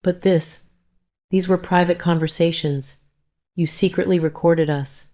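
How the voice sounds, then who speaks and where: A woman's voice: on the low side, steady tone, unhurried, warm tone, natural voice. A woman voicing an adult son, defensive and then ashamed, in a plain read-aloud delivery.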